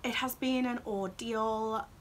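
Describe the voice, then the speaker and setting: A young woman with a croaky, raspy voice as she recovers from the flu, chatting apologetically in a casual Q&A vlog recorded on her phone. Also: on the high side, fairly even intonation, slow pace, slight background noise. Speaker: YouTuber.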